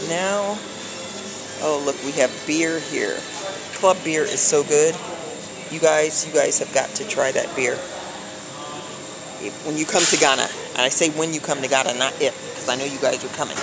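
A middle-aged American woman with a deep voice vlogs her shopping trip on a handheld phone, chatting casually and thinking aloud at a moderate pace with long pauses. She walks supermarket aisles where coolers hum, and the recording carries a noisy background hum.

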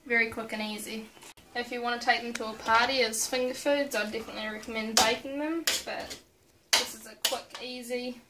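A twenty-something woman talks a little fast in a slightly high, steady voice while hosting her casual cooking vlog. Chatty, playful and self-mocking, she's filmed up close in a small kitchen at night. Loud clatter of pots, cutlery and dishes runs through the noisy recording.

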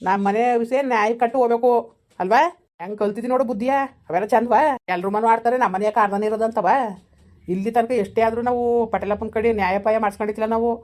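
A blunt village elder, acted by a woman, scolds a younger relative in a village family drama. Her comes out fast and a little high. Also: fairly even intonation, darkish tone, lightly acted. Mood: scolding.

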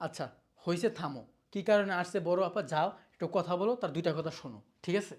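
A woman's voice: lowish voice, quick pace, darkish tone, close to an everyday voice. A woman playing a husband who pleads with his angry wife to treat his sister kindly. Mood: pleading. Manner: pleading and reasoning. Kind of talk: short film acting.

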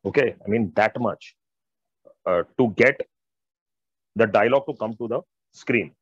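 Speaking at a measured pace in a lowish, slightly rough voice, this middle-aged Indian-accented man presents as an audio expert over a video call. The dry, dull, band-limited sound comes through wired earphones. His delivery is informal and emphatic, full of repeated phrases and direct address to the audience.

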